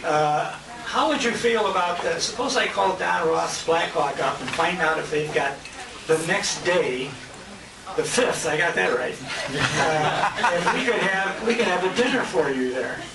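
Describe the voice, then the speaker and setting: Slightly high and animated, his voice runs a little slow with some vocal fry, and the camera mic sits far away. He's an American radio show host emceeing a tribute dinner in a restaurant banquet room, recounting anecdotes with quoted dialogue in a relaxed way. A handheld compact camera records the echoey, noisy space.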